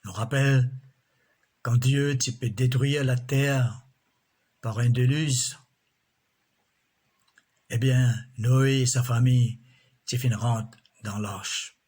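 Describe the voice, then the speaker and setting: A man preaching a sermon in a slow, measured way, often breaking in with alleluias. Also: medium pitch, steady tone, a little mellow, breathy edge.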